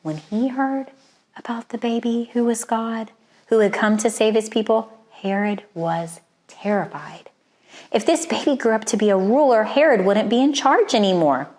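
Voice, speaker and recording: With a slightly high voice, a woman tells a children's story from a storybook, phrasing it deliberately and expressively. She builds tension with dramatic pauses.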